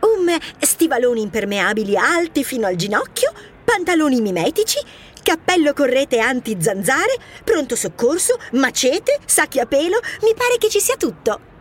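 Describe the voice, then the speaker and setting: A bossy young mouse reporter who talks shrill and insistent, as a woman voices her. Her voice is high and swoops about. Faint noise sits behind her, as in a storybook audio recording. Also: sing-song, normal speed. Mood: checking.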